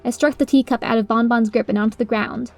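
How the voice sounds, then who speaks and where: A woman's voice: a little high, fairly even intonation, fast, a little mellow. A woman reading a first-person story as its narrator, in a dramatic storytelling style. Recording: music under the voice.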